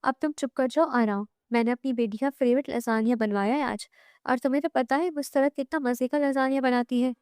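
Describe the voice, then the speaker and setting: A woman's voice: high-pitched, fairly even intonation, a little fast, darkish tone, clear, resonant tone, dry recording, studio quality, close to an everyday voice. A woman voicing an affectionate middle-aged aunt in a novel reading, soothing and coaxing.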